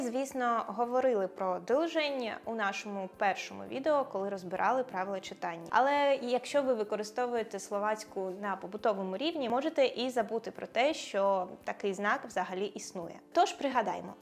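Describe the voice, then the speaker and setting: A young woman teaching a grammar lesson in a playful, ironic way, explaining step by step. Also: medium pitch. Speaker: language teacher. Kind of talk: scripted video lesson.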